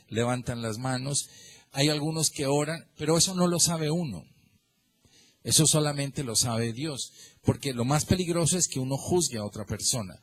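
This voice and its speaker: Animated Colombian pastor preaching. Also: male voice, a little high. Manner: animated, addresses listeners by name, asks rhetorical questions. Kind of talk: sermon.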